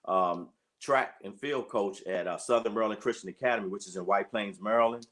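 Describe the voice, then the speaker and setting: A man's voice: on the low side, a little fast, fairly bright tone. A man in his late fifties, a track and field coach, talking earnestly in an interview and often saying "you know". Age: 50s. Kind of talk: conversational interview.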